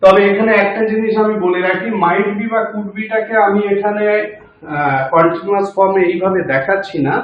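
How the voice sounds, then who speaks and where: Guy teaching grammar real slow, breaks it down bit by bit, super echoey room. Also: sits high, lo-fi sound. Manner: slow, step-by-step explaining with fillers. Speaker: English teacher. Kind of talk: grammar lesson.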